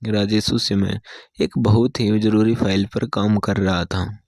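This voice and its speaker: A man narrating a scripted story in a steady, measured way. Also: lowish voice, no echo.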